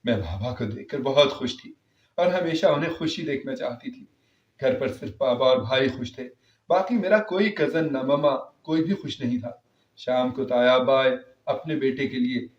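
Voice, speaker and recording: A man's voice: mid-range voice, far from the mic. A man narrating an emotional first-person story in an earnest, heartfelt way. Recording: roomy, slightly dull recording.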